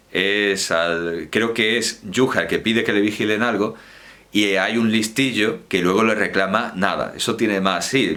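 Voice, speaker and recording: Bright-voiced Spanish man lecturing. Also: lowish voice. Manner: digressive, with restarts and rhetorical questions. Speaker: university lecturer. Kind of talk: university lecture.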